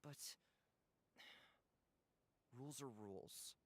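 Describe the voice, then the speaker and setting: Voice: mid-range voice, very slow. An actor voicing a young boy in a game, solemn and apologetic, torn by duty.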